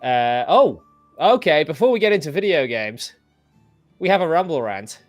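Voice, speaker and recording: A man's voice: a little high, very animated, moderate pace, no room sound. An English man hosts a casual livestream, rambling and self-deprecating as he restarts his sentences. His voice sounds dry and close to the mic. Faint music plays behind him. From England. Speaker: host.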